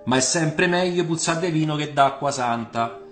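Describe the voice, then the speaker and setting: A jovial Roman tavern philosopher, as a male narrator puts him on, folksy and sing-song, with a thick Roman accent. The voice sits well above the narrator's own, lively and bright. The radio-play recording has a roomy echo and faint music behind it. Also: a little high, normal speed, pitched above the performer's own voice, natural voice.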